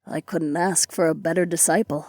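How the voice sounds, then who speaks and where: A woman voicing a stern, powerful female sect elder who speaks briskly and with command in an audiobook. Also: low-pitched, steady tone, warm tone, no echo, studio quality. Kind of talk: audiobook character voice.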